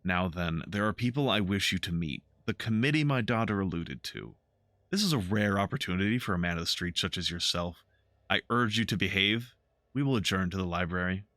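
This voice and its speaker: A man voicing a cold, stern aristocratic father in a video game, speaking slowly in a low, clipped tone. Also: lively intonation, pushed and bright, no room sound, studio quality. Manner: slow, clipped and icy.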